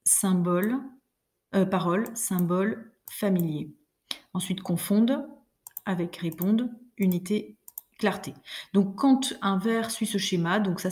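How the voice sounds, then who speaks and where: Mellow-voiced woman teaching a lesson. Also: lowish voice. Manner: explains patiently, reads verse aloud slowly with rhythm. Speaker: French teacher. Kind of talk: recorded class lesson.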